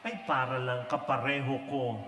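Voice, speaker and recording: A man's voice: medium pitch, steady tone, moderate pace, bright, forceful tone. A middle-aged man preaching a humorous sermon, mixing in English and acting out stories with playful asides. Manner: mixes Filipino and English, jokey, acts out quotes. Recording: echoey hall with faint ambience.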